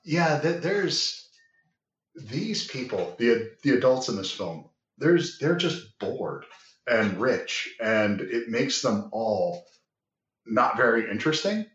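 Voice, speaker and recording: A man co-hosting a casual film discussion, relaxed and musing, agreeable with his co-host. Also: medium pitch, slow. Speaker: podcast co-host. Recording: roomy, dull-sounding mic.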